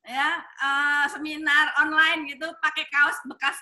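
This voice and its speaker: A woman's voice: high voice, flat delivery, measured pace, pushed and bright. A woman, the guest's wife, chiming in with an amused remark in casual chat.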